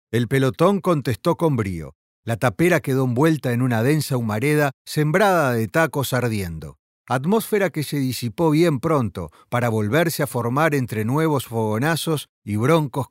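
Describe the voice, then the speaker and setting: Expressive male audiobook narrator. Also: medium pitch, dry recording, clean studio sound. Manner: dramatic, expressive reading.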